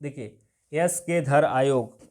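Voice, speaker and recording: A man's voice: mid-range voice, takes it slowly, a little mellow. A man teaching an exam coaching class, who keeps repeating points and asks his own questions before he answers them, with a Jharkhand Hindi accent. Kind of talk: classroom lecture.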